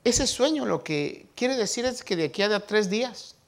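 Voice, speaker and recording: A man's voice: high-pitched, lively intonation, moderate pace. A man preaching a humorous, folksy sermon, retelling a scripture story with frequent tag questions and a few English words mixed into his Spanish.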